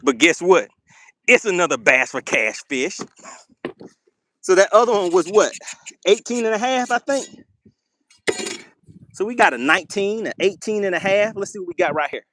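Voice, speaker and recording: A man commentating a live fishing stream to his chat from a boat on a lake, excitable and teasing, laughing often. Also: high voice, moderate pace, pauses often, slight background noise.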